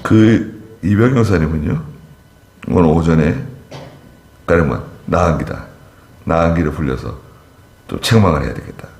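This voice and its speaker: A male pastor preaching a sermon in an emphatic, animated way, often turning to the congregation with asides. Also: low-pitched, moderate pace, pauses often. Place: church sanctuary. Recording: echoey church hall.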